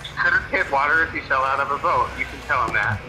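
A man's voice: medium pitch, quick pace. A young man chatting casually on a drunken phone call, cocky and swearing freely. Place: outdoors on a city street. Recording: noisy phone call with background ambience.

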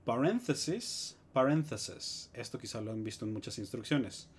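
A man with a Mexican Spanish accent, teaching English grammar in a live stream with lively explanations and joking asides. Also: lowish voice, fast talker, a little hiss or hum.

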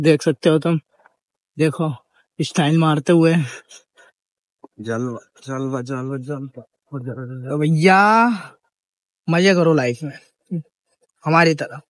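A man's voice: a little high, steady tone, a little slow, pauses often, no room sound. A young man chatting casually and upbeat as he vlogs his walking pilgrimage. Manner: chatty, jokey, upbeat, religious greetings. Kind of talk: casual vlog narration while walking.

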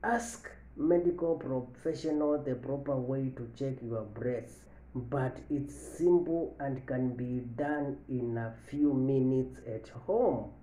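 A man in his thirties giving a health lesson to camera from an office, slowly repeating each point and stressing the key lines. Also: mid-range voice, warm tone. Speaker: medical educator. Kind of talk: health education talk to camera. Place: office with large window, indoors. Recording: echoey room.

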